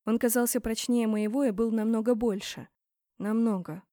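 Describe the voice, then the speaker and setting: A woman's voice: on the high side, fairly even intonation, normal speed, warm tone, dry recording, studio quality. Woman narrating a tense fantasy audiobook. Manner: tense, dramatic storytelling. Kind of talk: first-person audiobook narration.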